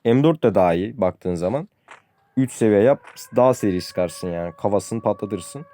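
A man's voice: on the low side, animated, normal speed, mellow, slight background noise. A young man giving casual gameplay commentary to his viewers, complaining at length about weak weapons and losing matches. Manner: frustrated, ranting about the game; addresses viewers as friends, says "abi" often. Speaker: gaming youtuber.

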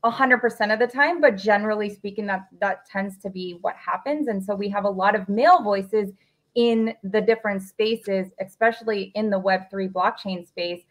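A woman's voice: medium pitch, normal speed. A woman in her thirties hosting a podcast, interviewing a guest over a video call in an encouraging way. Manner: encouraging, laughs easily. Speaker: podcast host. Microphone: video call with a desk microphone.

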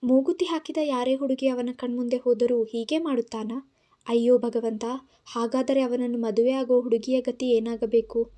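Woman reading an audio story, kannada accent, mellow kinda high voice. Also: steady tone, moderate pace. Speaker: narrator.

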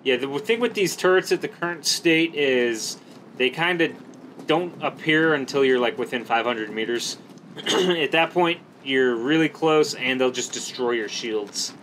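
A man's voice: mid-range voice, animated, unhurried, fairly bright tone, rough recording. A man hosting a gaming video, giving casual, slangy and enthusiastic commentary over his gameplay. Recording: background noise under the voice.

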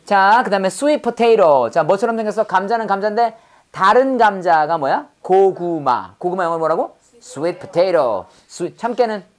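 A woman leads a classroom vocabulary lesson. She is playful and lively, drilling each word aloud and slipping in pun stories with acted-out voices. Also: medium pitch, a little slow. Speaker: English teacher.

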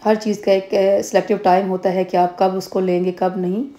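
A woman in her thirties from Pakistan talks through a casual home vlog into a phone camera held close. Her voice is warm and dark and stays even, with little rise and fall. She rambles along with many fillers and restarts. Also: mid-range voice, moderate pace. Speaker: vlogger. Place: home, indoors.

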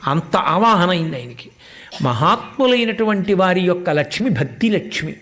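A man giving a devotional discourse, telling a saint's story and acting out the dialogue of its figures, with slow, emphatic stress on key points. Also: sits high, animated, a bit bright. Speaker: preacher.

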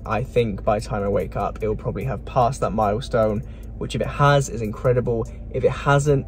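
A man with a slightly low voice talks casually to his phone camera late at night. He rambles quickly through his plans, in a plain phone video recording with music in the background. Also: darkish tone. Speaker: vlogger.

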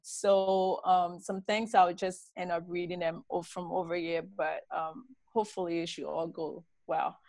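A tired middle-aged woman from Liberia, giving a relaxed, chatty talk over a laptop video call from a home study. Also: lowish voice, measured pace, hardly any pauses, no room sound. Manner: relaxed, chatty, laughs often. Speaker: guest speaker.

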